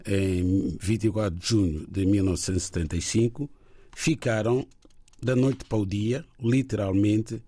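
A middle-aged man explains legal matters in a careful, halting manner. His voice is dark and somewhat husky. The sound is dry and close. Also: on the low side, dry recording. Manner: measured, deliberate, with frequent hesitations. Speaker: lawyer guest. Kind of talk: legal explanation on a radio program.

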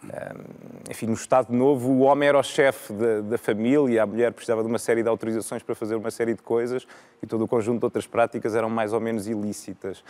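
Measured Portuguese man in his thirties. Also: mid-range voice, level tone, a little mellow. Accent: European Portuguese. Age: 30s. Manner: measured, with frequent repetitions and restarts. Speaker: law lecturer and debate guest. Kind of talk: live panel debate.

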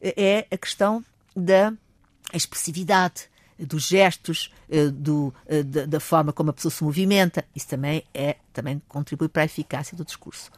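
A woman's voice: low voice, dry recording. An older woman professor with a European Portuguese accent, explaining and telling anecdotes hesitantly. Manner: hesitant, animated storyteller. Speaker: language professor, guest. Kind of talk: radio conversation.

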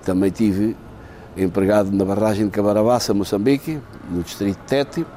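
An older man from Portugal, a businessman giving an interview in a plain, steady way. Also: on the low side, moderate pace, a little hiss or hum.

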